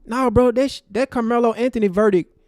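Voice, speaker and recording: A man giving impassioned, profane livestream commentary from his desk, swinging between loud outbursts and low, intense talk. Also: fairly even intonation, a little fast, no echo, clean studio sound. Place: home desk. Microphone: desk mic.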